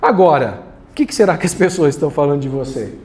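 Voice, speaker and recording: A man's voice: on the high side, animated, fast talker, darkish tone, slight background noise. A man preaching a sermon as pastor, casual and joking, talking straight to the congregation. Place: church hall.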